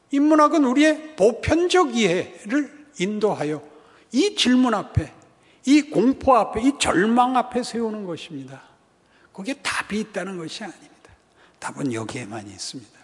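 Man, pastor, sermon, dramatic whispers, animated delivery, high-pitched. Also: long reverb tail. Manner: dramatic, swinging from loud to whispered.

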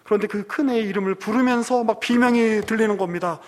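A man with a high, light voice preaches a sermon in a hall. He tells the story conversationally, acting out quoted lines and turning to the congregation with asides. The sound rings with a long reverb. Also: fast talker. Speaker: pastor.

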